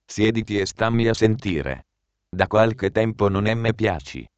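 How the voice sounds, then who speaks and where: A man's voice: lowish voice, lively intonation, measured pace, clean tone, no room sound, muffled recording. A man voicing a stern, protective male friend who speaks bluntly and insistently. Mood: earnest.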